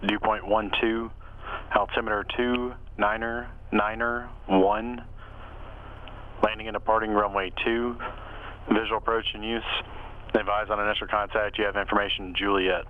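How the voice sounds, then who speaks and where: A low, flat male voice reads an airport weather broadcast at an even, unvarying pitch. It comes through a tinny, radio-thin channel with a faint hiss underneath. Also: moderate pace. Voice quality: flat, even monotone reading. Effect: radio broadcast heard over cockpit radio. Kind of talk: automated weather and airfield information readout.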